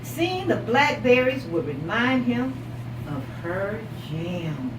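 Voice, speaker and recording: This is a woman teacher with a mid-range voice doing an interactive read-aloud of a picture book for young children. She poses questions, echoes the children's answers with encouragement, and draws out words expressively. It was picked up by a far-off microphone in an echoing room full of loud background noise.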